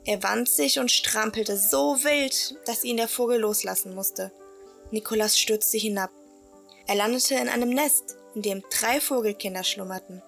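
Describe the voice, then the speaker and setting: A woman narrating a children's story for an audio play, in a gentle, expressive storytelling manner. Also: a little high, measured pace, vocal fry, soft background music.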